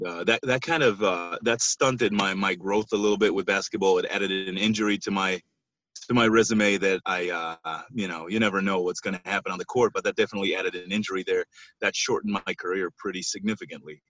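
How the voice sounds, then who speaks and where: A man from Israel with a fairly low voice talks as a guest coach, tired from little sleep. He speaks thoughtfully and pauses now and then. The audio is dry and a bit dull, like a remote call. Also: fairly even intonation, a bit bright, no room sound. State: sleep-deprived. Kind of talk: casual interview.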